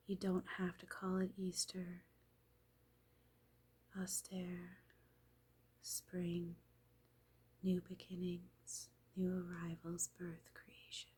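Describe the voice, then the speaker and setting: Woman channeling a hushed, breathy spirit, seance medium style. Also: lowish voice, exaggerated voice. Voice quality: breathy, half-whispered. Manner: slow, breathy, hushed, halting phrases. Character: gentle, loving male spirit guide channeled in trance.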